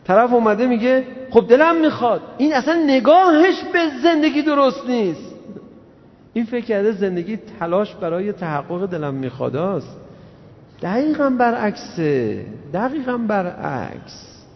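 A man giving an emphatic religious lecture, swinging from slow, low asides to loud scolding. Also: big pitch swings. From Iran, grew up in Tehran. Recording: dull recording in reverberant hall.

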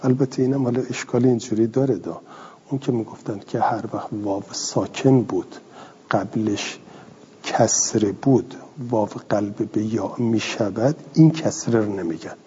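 A man with a fairly low, warm voice teaches a grammar lesson, reading a text aloud and explaining it through questions he answers himself. The recording is dull and lo-fi, with long reverb and slight background noise.

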